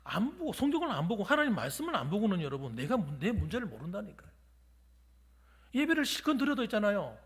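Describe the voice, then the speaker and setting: A man's voice: high-pitched, wildly swooping pitch, fast, husky, big-room sound. A pastor preaching a sermon in a church, emphatic and urging his congregation. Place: church sanctuary during a weekday service.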